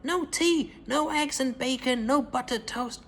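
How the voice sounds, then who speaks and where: A man voicing an enormous, greedy old grandmother who shouts shrill accusations. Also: a little fast, big-room sound. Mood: indignant.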